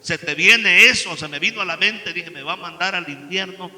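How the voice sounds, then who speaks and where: Man with a Mexican accent, slightly high, preaching testimony that swings from hushed to loud in a reverberant church. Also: moderate pace. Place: church hall. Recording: long church-hall reverb.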